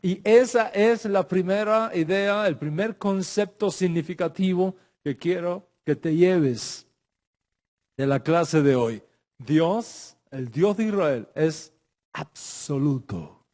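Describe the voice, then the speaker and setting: A middle-aged man teaches a religious class in Spanish, mixing in Hebrew religious terms, speaking emphatically while repeating phrases and restarting sentences. His voice sits high with a darkish tone, and he talks slowly.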